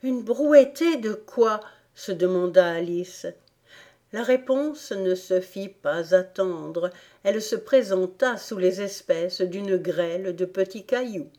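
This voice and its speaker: A woman reading a children's classic aloud as an audiobook narrator, in a measured, deliberate storytelling manner. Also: on the low side, dark tone. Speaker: audiobook reader. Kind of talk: scripted narration.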